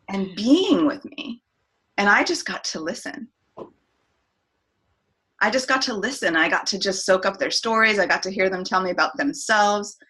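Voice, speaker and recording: As a guest on a casual podcast interview, a singer and voice coach tells a reflective personal story, restarting often and using many fillers. Her mid-range voice is fairly bright with a breathy edge.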